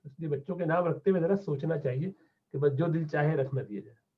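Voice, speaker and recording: A man teaching an Arabic lesson, patiently repeating words slowly so learners catch the pronunciation. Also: on the high side, breathy edge. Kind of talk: classroom lesson lecture. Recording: tinny phone-like lo-fi audio.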